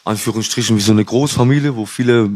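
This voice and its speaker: A man's voice: mid-range voice, fast talker, darkish tone. A young man from Cuba, talking as a podcast guest. His stories come out in loose, slangy street speech, and he keeps calling the host bro. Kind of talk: casual storytelling.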